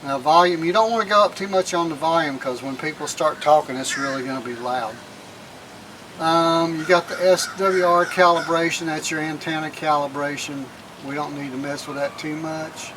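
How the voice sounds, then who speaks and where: Speaking at normal speed in a steady, slightly high voice, a man hosts a vlog from in and around a minivan against a noisy background. He demonstrates the work hands-on, keeping it casual and plain-spoken, and tends to repeat what he says.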